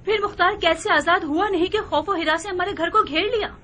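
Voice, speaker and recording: A proud, reproachful wife. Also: female voice, very high-pitched, a little fast. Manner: sharp, reproachful. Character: proud exasperated wife and mother. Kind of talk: dubbed historical drama.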